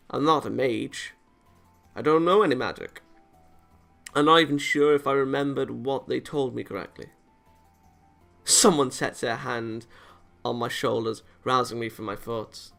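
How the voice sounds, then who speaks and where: A man with a creaky, slightly bright mid-range voice performs a visual novel aloud dramatically. He reacts off the cuff and sometimes trips on words, going back to reread them.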